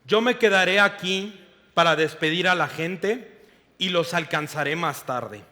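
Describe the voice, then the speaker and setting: A man reading the words of a calm, gentle male teacher reassuring his followers, in a measured way. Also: high-pitched. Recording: long reverb of a large hall.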